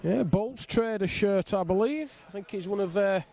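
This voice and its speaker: A middle-aged man commentates casually on bowls in a fairly high, soft-edged voice. He is bantering and jokey, chatting along between calls of the play. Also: moderate pace, vocal fry. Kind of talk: casual live sports commentary. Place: outdoors on a flat roof in the rain.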